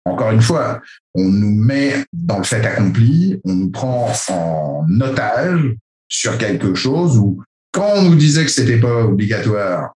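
A man's voice: lowish voice, a little mellow, reverberant. A man from France talking casually in a discussion, rambling with many fillers and restarts.

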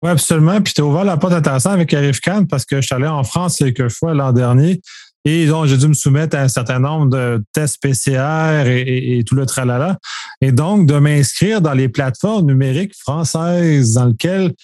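A man's voice: fairly high pitch, moderate pace, darkish tone, no room sound. Man with a dry close voice. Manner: thoughtful, searching for words. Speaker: podcast co-host. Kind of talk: casual discussion.

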